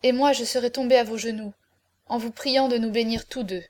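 Lady reading as a noble doomed hero guy, grave and solemn, slowish and low-key, audiobook. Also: steady tone, darkish tone, close to an everyday voice. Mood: remorseful. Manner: solemn, measured farewell speeches. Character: noble condemned male hero, grave and tender.

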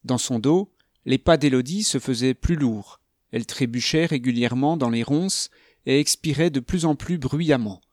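A man reads a novel aloud in a calm, even manner. His voice has an ordinary male pitch and a close, dry sound with no room around it. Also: normal speed, dry recording. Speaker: narrator. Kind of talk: audiobook narration.

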